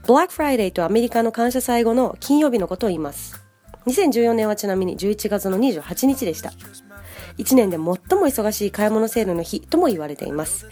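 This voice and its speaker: Woman podcast teacher, friendly and chatty, mid-pitched, soft music underneath. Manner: chatty and upbeat, laughing easily. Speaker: podcast host and English teacher. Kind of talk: casual podcast lesson.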